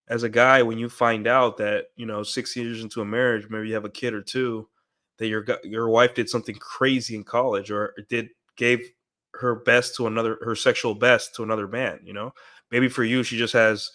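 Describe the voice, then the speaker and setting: A streamer with a stuffed-up nose from a cold rambles through a casual livestream monologue, repeatedly checking in with "right?" His mid-range voice is a bit bright, with little pitch movement and a moderate pace, recorded on a desk mic through an audio interface.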